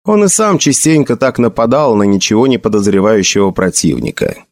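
Male narrator, expressive audiobook reading, lively lilt, dry close sound. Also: lowish voice, brisk, no echo. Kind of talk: scripted narration.

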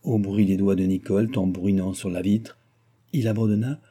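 A man narrates a classic novel in an even, literary storytelling manner. His voice is low-pitched, very dark and somewhat husky. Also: moderate pace. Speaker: audiobook narrator. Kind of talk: scripted narration.

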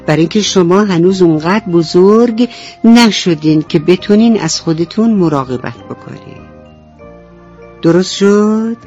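A woman's voice: fairly low pitch, a little mellow. A woman radio storyteller narrating a bedtime story for children, speaking affectionately and addressing the young listeners directly. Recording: dull lo-fi radio recording with faint music.

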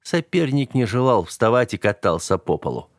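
A man narrating an audiobook in a steady, even storytelling manner. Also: medium pitch, normal speed, no room sound, studio quality. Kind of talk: scripted narration.

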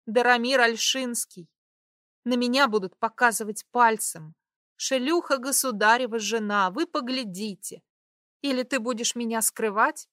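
A woman's voice: medium pitch, fairly bright tone, no room sound, close to an everyday voice. The narrator plays a proud young woman on the run in an audiobook romance. She speaks coolly and turns biting and mocking. The recording is dry and close. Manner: cool, then sharply mocking. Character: young woman in hiding, proud and sharp-tongued.

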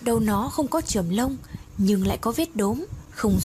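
A woman narrating a first-person horror story in a steady storytelling manner, over a noisy hiss. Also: fairly high pitch, normal speed.

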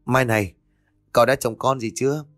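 A man's voice: medium pitch, steady tone, fairly quick, fairly bright tone, no echo, clean studio sound, close to an everyday voice. A man doing an easygoing young friend. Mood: friendly.

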